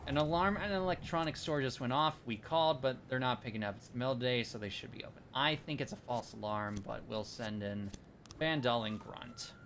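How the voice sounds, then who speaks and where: A man's voice: mid-range voice, a little fast, fairly bright tone, a little hiss or hum. A man streaming a game, chatting casually, reading game text aloud and thanking viewers. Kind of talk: casual live-stream commentary.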